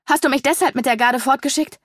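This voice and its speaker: A woman's voice: sits high, fast talker, dry recording, clean studio sound, voice pushed up, lightly acted. A woman voicing a frightened stammering princess. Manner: stammering, pleading. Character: frightened young princess, defiant lover. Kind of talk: audiobook character voice.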